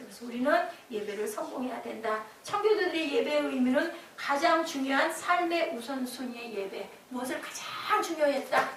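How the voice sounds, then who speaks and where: A woman pastor preaching a lively sermon in a church, quizzing the congregation with call-and-response questions. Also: high voice, recorded from a distance, slight background noise. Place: church sanctuary. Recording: echoey church hall from afar.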